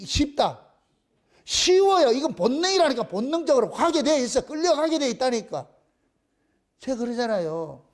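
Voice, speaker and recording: Very high-voiced male pastor preaching. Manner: animated, acts out voices, asks the congregation questions. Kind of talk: sermon.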